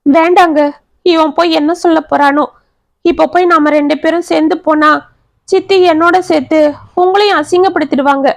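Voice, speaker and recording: A woman's voice: very high-pitched, steady tone, moderate pace, vocal fry, dry recording, pitched above the performer's own voice. A woman storyteller voicing a timid, frightened young woman in a family story. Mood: fearful. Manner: fearful, anxious.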